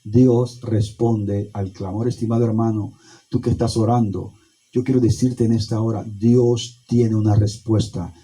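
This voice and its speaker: Male pastor delivering a sermon: dark, husky voice, emphatic pauses, repeats phrases. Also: lowish voice, flat delivery, low-quality recording. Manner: preaching with emphatic pauses and repetition.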